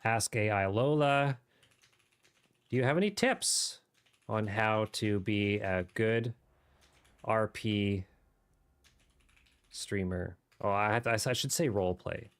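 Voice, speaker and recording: While gaming on a live stream, a man rambles and riffs casually. He speaks slowly in a smooth, fairly low voice, leaving long pauses.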